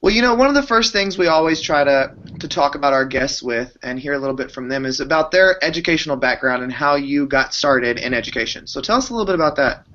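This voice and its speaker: A man's voice: fairly high pitch, lively intonation, fast, hardly any pauses, a bit bright. A man hosting an interview, introducing his guest and asking friendly, polite questions. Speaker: interview host. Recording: slightly dull lo-fi recording.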